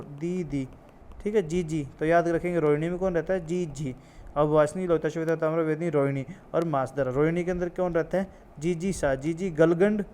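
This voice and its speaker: Male tutor, slightly high and clear voice, steady drilling lecture style. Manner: repeats key terms and drills mnemonics, asks and answers himself. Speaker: ayurveda exam tutor. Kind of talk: classroom-style lecture with memory tricks.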